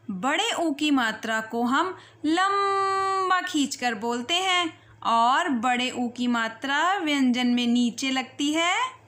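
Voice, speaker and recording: High-voiced teacher drawing out every vowel. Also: female voice, fairly bright tone. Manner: stretches vowels slowly and clearly, coaxing children to repeat. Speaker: primary school Hindi teacher. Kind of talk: children's phonics lesson.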